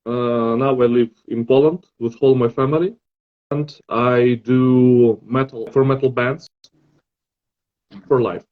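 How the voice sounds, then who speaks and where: A man's voice: mid-range voice, steady tone, a little slow. Belarusian guy on a podcast, kinda hesitant, hunting for words, muffled lo-fi audio. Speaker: guest artist. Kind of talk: casual podcast chat.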